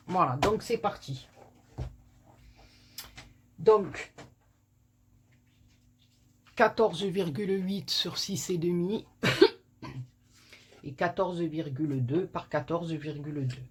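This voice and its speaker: Woman crafting host, unhurried, a little husky, rambling and self-joking, camera on a tripod at a small desk. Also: deep voice. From southern France. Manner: rambling, self-mocking, many fillers. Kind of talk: chatty card-making tutorial. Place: small home desk workspace.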